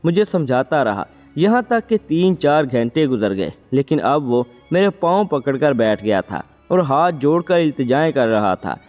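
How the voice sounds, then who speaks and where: Expressive male storyteller with reverb. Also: mid-range voice, few pauses. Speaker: narrator. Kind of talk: storytelling narration. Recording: long reverb, faint background music.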